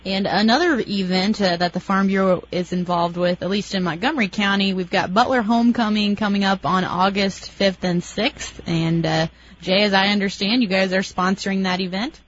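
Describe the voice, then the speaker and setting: A woman hosting a farm radio show and reading news in a steady, even way, taped off the radio. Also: mid-range voice, moderate pace. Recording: dull lo-fi radio sound, dry.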